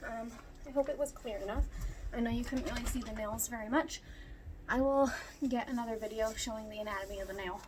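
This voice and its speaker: Casual home tutorial host: young woman, breathless, filler-heavy, a touch high-pitched, light background hiss. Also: fairly quick, darkish tone. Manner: chatty, lots of ums, talks to her dogs. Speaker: dog groomer demonstrating nail care. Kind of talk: casual how-to explanation. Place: at home with dogs.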